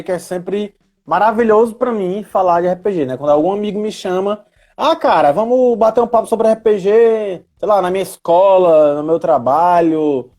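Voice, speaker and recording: This guest, a Northeastern Brazilian man in his thirties from Ceará who teaches history and works as an educational coordinator, chats casually on a live stream, explaining topics and frequently checking in with tag questions. He has a high, warm voice.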